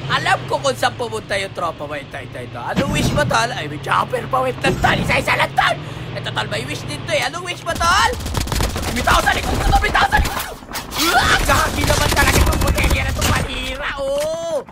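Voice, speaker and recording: Male gamer, high and lively voice with some fry, excitable banter and sudden shouts over gunfire and game music. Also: fairly quick. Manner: excitable, shouts often, slangy joking banter. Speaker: gaming streamer. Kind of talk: live gameplay commentary. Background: loud game music and gunfire.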